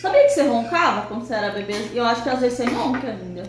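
Higher-pitched woman in an echoey kitchen. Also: big pitch swings, racing, crowd noise. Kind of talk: casual family chat with a small child. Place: indoor home kitchen. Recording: echoey noisy kitchen, clinking cutlery.

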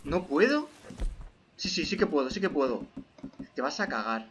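A young man with a Spain Spanish accent giving casual gameplay commentary, swearing freely and bursting into shouts. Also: a little high, big pitch swings, moderate pace, a little hiss or hum. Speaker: gaming youtuber.

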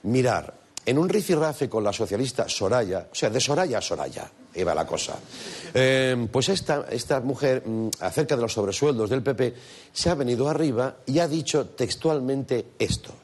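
Lively comic male talk-show host. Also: mid-range voice, normal speed, slightly rough. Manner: playful, mocking, lively asides. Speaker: late-night comedy host. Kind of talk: comic monologue. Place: TV studio with a live audience. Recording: studio audience and noise.

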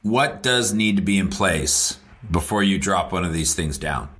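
A man's voice: deep voice, lively intonation, measured pace, a bit bright, a little hiss or hum. A man hosting a podcast, asking long, winding questions full of fillers. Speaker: podcast host. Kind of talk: interview questions.

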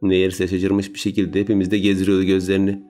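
A man narrating a story in a calm, steady audiobook reading. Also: sits low, fast. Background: soft music.

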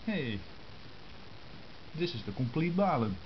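A Dutch ham radio hobbyist with a fairly high, very animated voice leads an informal tutorial, explaining sketched diagrams step by step in halting, brief phrases. The sound, from a compact camera's built-in mic, is muffled and carries a clear hiss.

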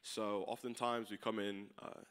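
Young male college senior; very deep voice; relaxed, halting delivery with many "uh"s. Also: smooth. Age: young adult. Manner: casual, hesitant, lots of fillers. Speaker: graduating senior speaker. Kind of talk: informal chapel talk.

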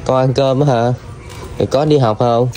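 A man gently coaxes answers out of a child, filling gaps with soft fillers. His voice sits at an ordinary middle pitch. Clear background noise surrounds him outdoors. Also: steady tone, normal speed. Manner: gentle, coaxing questions with many fillers. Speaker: vlogger interviewing a child. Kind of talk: casual street interview.

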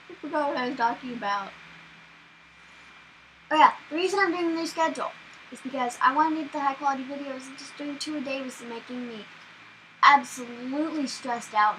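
A young woman hosting a gaming channel, chatting casually and excitably while she plays, often startled. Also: high-pitched, slight background noise, poor audio. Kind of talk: casual gameplay commentary.

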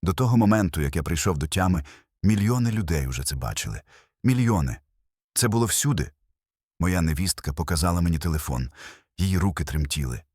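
An older man tells his personal testimony in a very low, husky voice. His delivery is earnest and emotional, with short phrases and a lively rise and fall of pitch. The sound is dry and close. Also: quick pace, no room sound. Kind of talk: first-person testimony narration.

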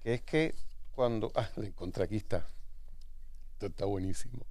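A man hosting an interview, affable and playful, quick to agree with his guest. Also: lowish voice, darkish tone, dry recording. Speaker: host. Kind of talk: conversational interview.

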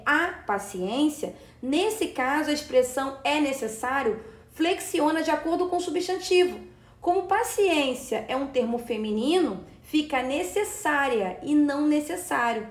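Brazilian woman teacher, high voice, patient step-by-step explainer, echoey room. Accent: Brazilian Portuguese. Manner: explanatory, checks in with "né" and "tá". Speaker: Portuguese teacher. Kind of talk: exam-prep lesson. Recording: roomy echo.

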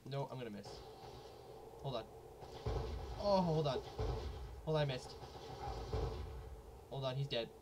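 A man giving jokey, excitable let's play commentary, often repeating himself as he plays. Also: mid-range voice, measured pace, long pauses. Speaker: gaming YouTuber. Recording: noisy home recording.

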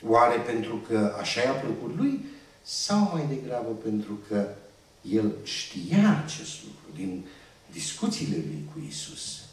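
A man's voice: mid-range voice, sing-song. A man preaching a sermon, teaching by asking his congregation questions and answering them himself. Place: church hall. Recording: echoey church room, distant mic.

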